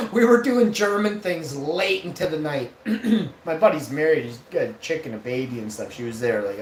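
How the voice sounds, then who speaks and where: Rambling man telling stories, far off. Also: fairly high pitch. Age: 40s. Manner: rambling, profane, animated anecdote-telling. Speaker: vlogger host. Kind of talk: casual storytelling. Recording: roomy, distant mic, faint noise.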